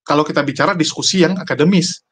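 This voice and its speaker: A man's voice: fairly high pitch, fast, fairly bright tone, slight background noise. A man giving casual, argumentative commentary to his viewers, mocking his opponents.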